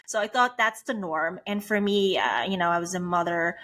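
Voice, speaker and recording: A woman's voice: lowish voice, moderate pace, a bit bright. A middle-aged woman from Switzerland, a business coach interviewed as a podcast guest, telling her story candidly. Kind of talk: conversational interview.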